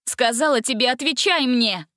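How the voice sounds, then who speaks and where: A woman voicing a stern young female investigator who barks sharp orders in a storybook reading. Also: high-pitched, moderate pace, dry recording, clean studio sound, voice pushed up. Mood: commanding. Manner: sharp, commanding.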